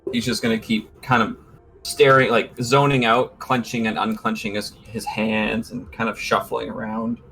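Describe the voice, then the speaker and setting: Brief: man, game player, matter-of-fact, a bit low. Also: little pitch movement, moderate pace, vocal fry, fairly bright tone. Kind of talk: playing a tabletop game.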